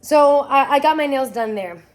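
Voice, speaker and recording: A woman's voice: high voice, expressive, moderate pace. A young woman, ranting to the camera in an exasperated, profane storytelling way. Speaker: vlogger.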